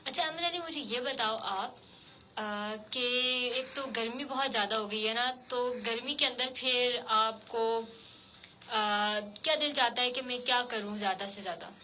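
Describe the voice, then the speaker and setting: A woman hosting a radio show, interviewing a child guest with gentle, coaxing questions full of fillers. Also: on the high side, a little hiss or hum. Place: radio studio.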